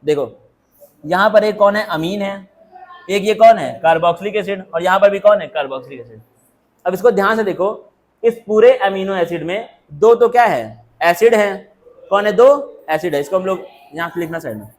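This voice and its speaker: A man's voice: high voice, lively intonation, normal speed. A man teaching a classroom lecture who keeps firing rhetorical questions and drilling the answers back. He jokes with the students and calls on them by name. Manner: constant rhetorical questions, call-and-response drilling; jokey, teases and calls on students.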